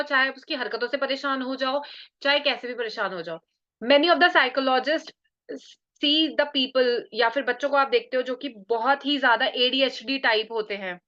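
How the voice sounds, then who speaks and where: A woman teaching a live online class, mixing Hindi and English, slowing down to spell out key terms and often checking in with her listeners. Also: high voice, bright, forceful tone. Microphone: computer mic on a video call. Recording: muffled video call audio.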